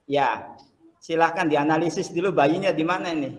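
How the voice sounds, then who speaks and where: A man's voice: a little high, moderate pace. Man teaching in an echoey classroom. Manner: relaxed, chatty with fillers.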